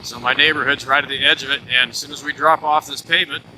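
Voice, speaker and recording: A man's bright, somewhat forceful voice comes from inside a motorcycle helmet. He chats casually as a vlogger, unhurried and a little halting, with a plain folksy manner. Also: medium pitch, steady tone, slight background noise, poor audio. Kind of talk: casual vlog chat while riding.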